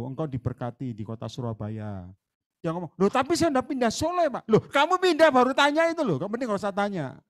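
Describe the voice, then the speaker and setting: A man preaching in a church, fairly high voice that swings all over the place. He talks in a chatty way, acts out little back-and-forth conversations, and jumps from loud bursts to quiet asides. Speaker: guest preacher. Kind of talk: lively sermon. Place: church hall.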